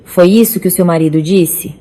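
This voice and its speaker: A woman's voice: fairly low pitch, normal speed, warm tone, close to an everyday voice. A woman voicing a caring adult brother who speaks firmly and insistently in a narrated story. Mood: concerned.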